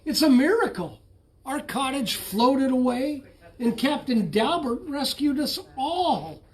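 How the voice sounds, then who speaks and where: A man's voice: very high-pitched, very animated, slow, pitched above the performer's own voice, heavily acted. A man voicing a fussy, flustered mother toad in a read-aloud storybook. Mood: relieved.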